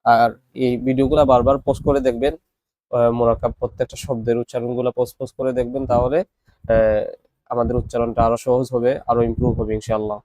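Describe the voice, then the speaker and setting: A man teaching Quran reading, patiently explaining and slowly reciting letter names. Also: medium pitch, little pitch movement, warm tone, no echo. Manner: patient, repetitive instruction. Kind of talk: classroom-style recorded lesson.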